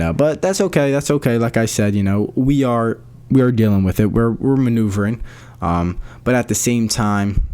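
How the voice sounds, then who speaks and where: A young man with a fairly low voice talks through his podcast plans in a loose, rambling way. His speech is full of fillers, restarts and casual slang. He is recorded at home on a USB microphone. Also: darkish tone. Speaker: podcast host. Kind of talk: casual solo podcast talk.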